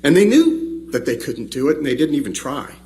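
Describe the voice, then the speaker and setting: A man's voice: fairly high pitch, big pitch swings, brisk, mellow. A man arguing as a trial attorney, heard in a courtroom recording, emphatic and indignant, often doubling words as he presses a point. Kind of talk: formal courtroom argument.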